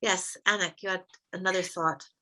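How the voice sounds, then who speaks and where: A woman with an American accent leading an interactive workshop over a video call, speaking in a measured way and slowing down to stress key words. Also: on the low side, fairly even intonation, pushed and bright. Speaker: workshop leader.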